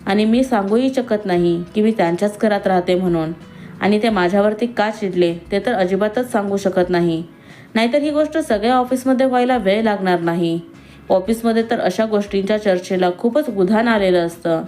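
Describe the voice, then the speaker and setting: A woman's voice: mid-range voice, moderate pace, natural voice. A woman voicing a timid young office worker. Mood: worried. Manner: soft-spoken, nervous, innocent.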